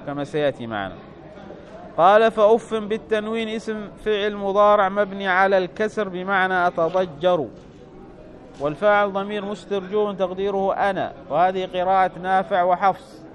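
A man with a high voice teaches a grammar lesson. He reads passages of a classic text aloud with extra force, then slows down to explain them patiently. Now and then he asks whether the point is clear. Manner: reads quoted text louder, then explains calmly with checks for understanding.

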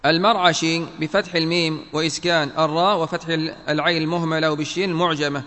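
An Islamic teacher gives a religious lesson, reading from a classical text and carefully spelling out the vowels of each word. He reads quotes, then explains them, in a slightly high, steady, sharp voice at a fast pace. A long hall reverb surrounds the recording.

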